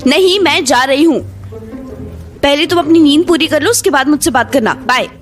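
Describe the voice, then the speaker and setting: An actress playing a touchy young woman who teases and quickly takes offense in an audio drama. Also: high voice, soft background music, close to an everyday voice. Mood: offended. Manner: teasing, quick to take offense. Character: young woman Shreya, touchy and sharp-tongued. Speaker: actor. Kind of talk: Hindi audio drama acting.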